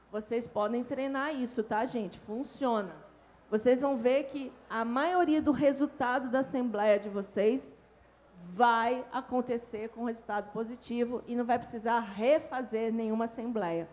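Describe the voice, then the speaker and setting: A woman with a Brazilian Portuguese accent giving an animated talk on communication at a conference panel. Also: on the high side. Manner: animated, demonstrates tones with her own voice. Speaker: invited speaker on communication. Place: hotel conference stage.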